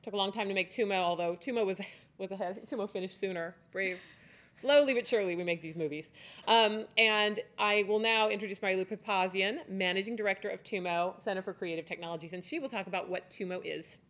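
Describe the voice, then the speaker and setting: A woman's voice: medium pitch, fairly quick, a bit bright. A woman in her forties giving a conference talk at a podium on a stage, chatty and loose, with restarts and fillers. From United States. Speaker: conference speaker. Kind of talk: conference presentation. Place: stage in a large hall. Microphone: podium mic.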